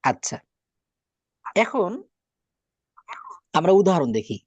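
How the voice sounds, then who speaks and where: A man teaching Quran reading in a classroom lesson, drilling letters slowly and checking that students follow. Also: sits high, big pitch swings, slightly rough, dry recording. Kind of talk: slow classroom recitation lesson.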